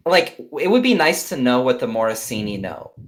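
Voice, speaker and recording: A man's voice: mid-range voice, sing-song, fairly quick. Man chatting as a tabletop game player. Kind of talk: casual game chat.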